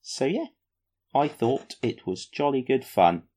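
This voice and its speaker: A man's voice: medium pitch, very animated, a little slow, darkish tone. A man co-hosting a casual podcast, chatting about tabletop wargames in a jokey, self-mocking, rambling way. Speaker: podcast co-host.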